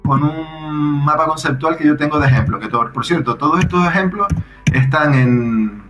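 Man explaining software, roomy sound. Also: a little high, normal speed, faint music behind. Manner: relaxed, thinks aloud with restarts. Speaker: software developer guest. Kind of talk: casual explanatory chat.

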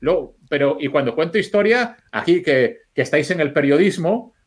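A man, chatting as a podcast guest. His voice sits a little high for a man. He rambles through anecdotes, swears freely and restarts his sentences as he thinks aloud. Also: expressive, normal speed. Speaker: film editor guest. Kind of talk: casual podcast chat.

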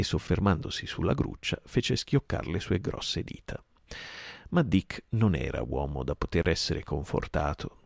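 A man giving a calm, measured audiobook narration meant for sleep. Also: low-pitched, vocal fry, no echo, studio quality. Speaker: audiobook reader.

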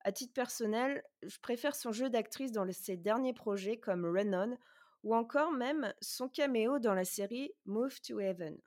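A woman's voice: on the high side, measured pace, a little mellow. A woman hosting a podcast, chatting casually with frequent hesitations and presenting prepared notes. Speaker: podcast host.

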